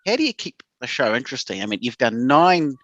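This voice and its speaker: A man's voice: medium pitch, very animated, quick pace, a bit bright, no echo, lo-fi sound. An easygoing New man hosts a casual podcast in a mid-range voice. He asks long, conversational questions. The sound is dry and close. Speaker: podcast host.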